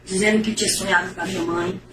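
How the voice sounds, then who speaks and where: A woman's voice: medium pitch, fairly even intonation, fast talker, over music. A middle-aged woman, giving an emotional, repetitive religious testimony in a preacher-like manner. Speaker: testimony giver. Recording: echoey, distant, noisy.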